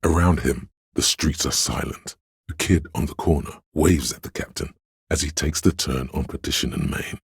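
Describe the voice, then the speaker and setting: With a bass voice that is gravelly and husky, a man plays a video game's grave, all-knowing inner voice of police camaraderie. He narrates in a solemn, measured, literary way in an exaggerated voice, and the mood is brooding and measured. The audio is studio quality with no room sound.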